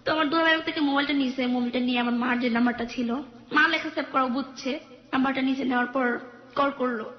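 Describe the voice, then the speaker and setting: A woman's voice: high-pitched, fairly even intonation, fast talker, reverberant, muffled recording. A young woman calling in to a radio show, earnestly retelling her own life story and acting out her family's quarrels. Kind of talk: personal story told on a call-in radio show.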